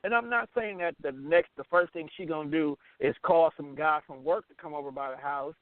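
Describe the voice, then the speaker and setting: Slightly high-voiced and a bit quick, this middle-aged American radio host talks in a casual, candid way, bluntly and emphatically repeating himself. There's no room sound, but the recording has a thin, phone-like, band-limited quality.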